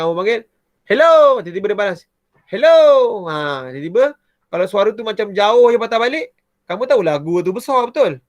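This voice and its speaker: High-voiced Malaysian Malay man teaching. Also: dry recording, clean studio sound. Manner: chatty and animated, often starting with "ha". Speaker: primary science teacher. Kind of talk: explaining a lesson to pupils.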